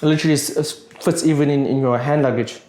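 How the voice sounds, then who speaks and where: A man's voice: on the high side, steady tone, fast, a little mellow. Male chiropractor host, casual chat, checks in a lot, echoey room. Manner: chatty, often checks in with "right?" and "yeah?". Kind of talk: casual chat during treatment. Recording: echoey room with faint noise.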